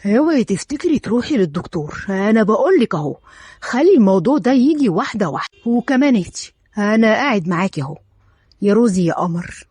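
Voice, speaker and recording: A woman's voice: medium pitch, sing-song, quick pace, slightly rough, dry recording. A woman with an Egyptian accent voicing a harsh, hot-tempered young man in a storybook reading, threatening and scolding. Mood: stern. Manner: threatening, shouting in anger.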